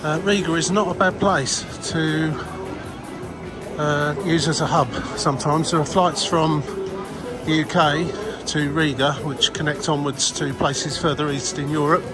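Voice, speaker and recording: A man's voice: on the high side, fairly even intonation, measured pace, music in the background. A man giving casual, rambling travel vlog commentary in a chatty, hesitant way. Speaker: travel vlogger.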